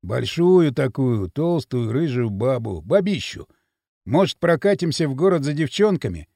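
Male reader as a lazy, vulgar lad, gravelly and drawling. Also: big pitch swings, normal speed, warm tone, dry recording, studio quality. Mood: crude. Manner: coarse, drawling, lower voice. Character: crude, lazy young male ruffian. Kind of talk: audiobook character voice.

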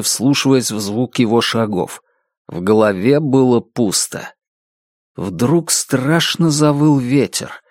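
A man narrates a first-person story in a grave, measured voice. His pitch sits in the middle of the male range. The recording is dry, with no room sound. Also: darkish tone, no room sound.

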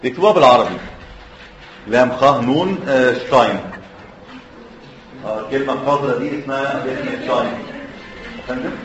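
Fast-talking Egyptian surgery lecturer. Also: male voice, medium pitch, noisy background. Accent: Egyptian Arabic. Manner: quizzing students, letting them finish his sentences. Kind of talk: classroom lecture. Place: lecture hall. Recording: echoey lecture hall, dull lo-fi audio.

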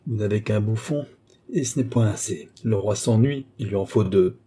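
Proud young peasant man, read by a man, bitter and curt, audiobook, dark, husky tone. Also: lowish voice, normal speed. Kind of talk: audiobook character reading.

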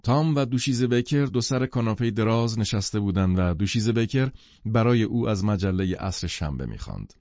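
A man reading a novel aloud as audiobook narration in a measured, even storytelling manner. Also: on the low side, dry recording, lo-fi sound.

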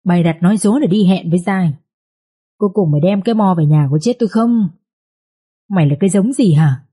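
A woman's voice: fairly low pitch, warm tone, husky. Woman voicing a furious old village patriarch. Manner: barking, harsh scolding. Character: furious stern village patriarch, older man.

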